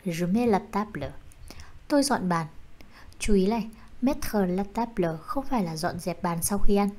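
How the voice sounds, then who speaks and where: A woman teaching French vocabulary. She says each word slowly and one at a time, then gives the translation. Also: medium pitch, animated, a little mellow. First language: Vietnamese. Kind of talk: slow vocabulary drill.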